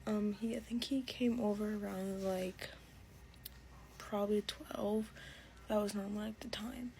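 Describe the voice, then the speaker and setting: A young woman telling a storytime in a casual, hushed, half-whispered way. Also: medium pitch, fairly even intonation, measured pace, poor audio.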